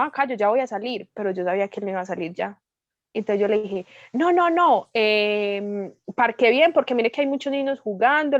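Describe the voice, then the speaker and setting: Colombian woman telling a lively testimony. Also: a little high, no echo, dull audio. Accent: Colombian Spanish. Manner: lively storytelling, acting out dialogue. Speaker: guest speaker. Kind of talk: testimony in a prayer meeting.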